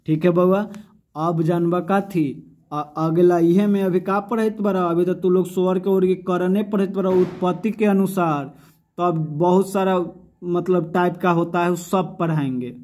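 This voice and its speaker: A man's voice: high-pitched, steady tone, a little slow, darkish tone. A man teaching a grammar lesson, explaining by asking his own questions and repeating each term. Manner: mixes Hindi with a Bhojpuri-like dialect, calls pupils "bauaa".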